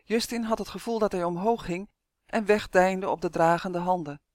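A narrator reading a children's fantasy story aloud in a steady, expressive way. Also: mid-range voice, normal speed, no echo, clean studio sound. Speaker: audiobook narrator.

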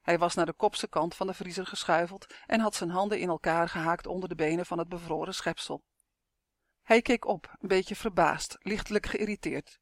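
A narrator reading a first-person suspense story in a steady, measured way on a close microphone. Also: mid-range voice, no room sound. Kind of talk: audiobook narration of a suspense novel.

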